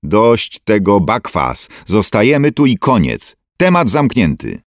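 A man's voice: sits low, huge pitch swings, normal speed, creaky, darkish tone, husky, dry recording, clean studio sound, heavily acted. A man voicing a stubborn, bossy old mother. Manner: scolding, dismissive.

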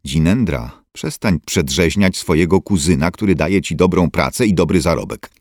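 A man's voice: deep voice, moderate pace, darkish tone, no room sound, studio quality. A man voicing a stubborn elderly mother who brushes off her son's fears and scolds him. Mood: scolding. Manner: scolding, dismissive.

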